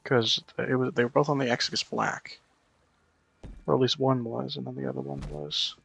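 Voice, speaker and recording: A man's voice: mid-range voice, very animated, moderate pace, gravelly, fairly bright tone, slightly rough. A man streaming a game, rambling and correcting himself as he thinks aloud. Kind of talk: casual gameplay commentary.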